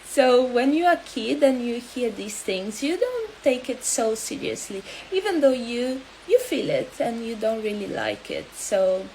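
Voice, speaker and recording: Woman in her 30s, talks real slow and halting on a live stream, faint hiss behind. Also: fairly high pitch, big pitch swings, warm tone, low-quality recording. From Angola. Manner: halting and hesitant, with many pauses. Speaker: health coach.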